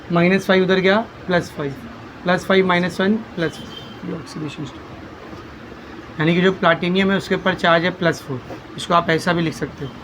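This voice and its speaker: A male teacher runs a chemistry lesson in a fairly high voice. He fires questions at his students, calls them "beta" and answers the questions himself. A faint hiss of noise sits under the recording. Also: fairly bright tone. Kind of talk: classroom lecture.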